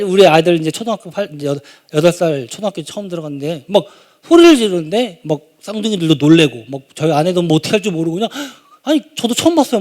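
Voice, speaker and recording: A man in his thirties preaching a sermon and telling a story from his own family. He is animated and moves from quiet asides to loud exclamations. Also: high voice. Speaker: pastor. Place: church sanctuary.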